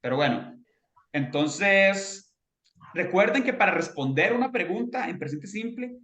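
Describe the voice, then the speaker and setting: Man, language teacher, high voice, bright tone, patient, checks in with the class. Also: animated, a little slow, reverberant. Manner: patient, checks in often with students. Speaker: English teacher. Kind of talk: explaining grammar to a beginner class.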